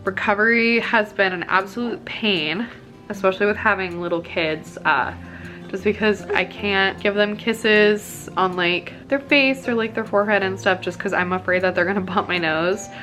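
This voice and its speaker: A woman's voice: medium pitch, moderate pace, pushed and bright, faint music behind. A young woman vlogger chatting casually to camera, with a stuffy, congested nasal voice from a blocked nose after surgery. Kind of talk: casual recovery vlog talk to camera.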